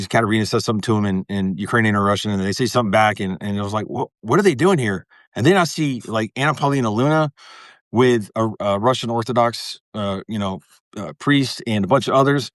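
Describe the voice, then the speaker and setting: A man's voice: lowish voice, a little fast, dry recording, clean studio sound. A man talking as a guest in a casual interview, rambling and restarting his sentences, swearing now and then.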